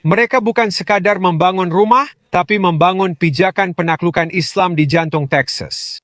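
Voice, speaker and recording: A man reading a measured, explanatory scripted narration. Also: sits high, a bit bright, no echo, studio quality. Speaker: voice-over narrator.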